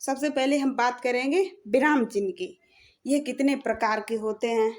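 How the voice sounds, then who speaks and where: High-voiced woman teaching grammar. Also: fairly even intonation. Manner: slow, repeats points, says "theek hai" often. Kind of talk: explaining a grammar lesson.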